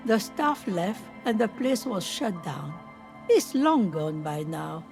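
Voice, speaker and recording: A very old washerwoman for a video game. She is plainspoken and resigned, with a folksy manner and an expressive rise and fall in her speech. Faint music plays behind her. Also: medium pitch, slow. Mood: somber, matter-of-fact. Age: older. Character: old washerwoman of a poor fishing village, weary, plainspoken. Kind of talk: video game dialogue acting.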